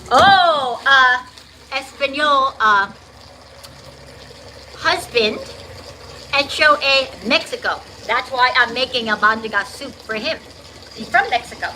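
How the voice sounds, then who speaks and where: A woman with a New Jersey accent and a slight lisp chats casually on a livestream while cooking and doing dishes in her home kitchen, upbeat and chatty, humming and singing along. Her high-pitched voice is bright, forceful and animated, yet she takes it slowly with frequent pauses. The rough recording has slight background noise from running tap water.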